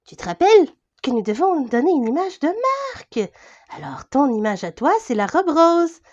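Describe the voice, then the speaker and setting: Woman doing a fussy princess hostess, Québec French accent, high lively voice, muffled home recording. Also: moderate pace. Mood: bossy. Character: bossy fussy princess hostess, self-important organizer. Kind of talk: toy role-play storytelling.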